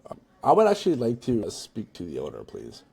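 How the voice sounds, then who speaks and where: Speaking informally in a screen-recorded software walkthrough, a male presenter keeps things conversational and checks in with "right?" and "you know." His medium-pitched voice swoops wildly, runs a little fast, and sounds creaky, dark, and slightly rough.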